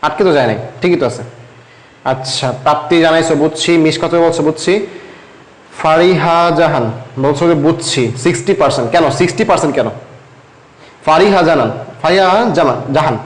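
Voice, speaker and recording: Higher-voiced young tutor in an echoey room. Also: male voice, brisk. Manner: conversational, repeats questions to students. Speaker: online tutor. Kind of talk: live online class, reading student comments.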